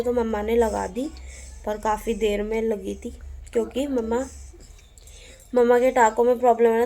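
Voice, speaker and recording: A woman's voice: a little high, dark tone. A young woman chatting casually to her viewers in a family vlog at home, rambling through stories and cooing to a baby now and then. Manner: chatty, rambling storytelling, coos to a baby in between. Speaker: family vlogger.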